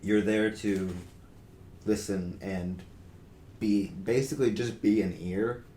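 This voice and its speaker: A man's voice: lowish voice, steady tone, takes it slowly, warm tone. A young man co-hosting a podcast in casual discussion, talking earnestly with many fillers and restarts. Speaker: podcast co-host. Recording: roomy with faint noise.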